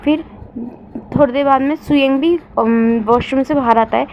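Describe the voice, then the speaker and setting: A woman's voice: sits high, moderate pace, slight background noise. A woman narrating a fanfiction story casually, hesitant, with fillers between lines. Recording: dull lo-fi audio.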